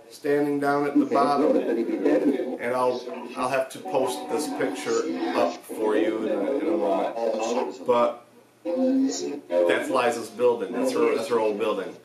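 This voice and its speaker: A man in his forties talking casually and haltingly to a camera across a desk, as host of a spirit session. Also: mid-range voice, very animated. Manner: halting, many pauses. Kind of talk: casual vlog talk, addressing spirits. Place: small home room with guitars. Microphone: camera a few feet away across a desk. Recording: echoey room, distant mic, loud background chatter.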